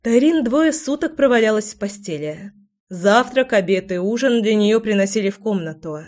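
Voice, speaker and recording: A woman reading an audiobook aloud in steady, even narration. Her voice sits at a middle pitch, neither high nor low. The telling is plain and unhurried.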